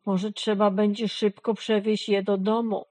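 An obliging male horse from a children's storybook, keen to lend his back, voiced by a woman reader. He speaks slowly and persuasively. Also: medium pitch, flat delivery, a little mellow, close to an everyday voice. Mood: helpful. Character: helpful eager male horse.

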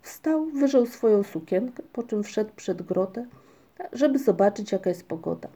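A woman narrating a children's storybook in a gentle, even reading voice. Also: mid-range voice, normal speed, breathy edge. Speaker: audiobook narrator.

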